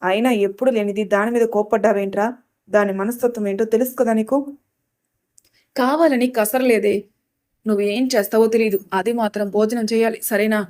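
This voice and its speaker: Fast and fairly even in intonation, a woman with a mid-range, darkish voice reads a family drama audio story. She performs all the characters' dialogue herself, altering her voice only a little for each.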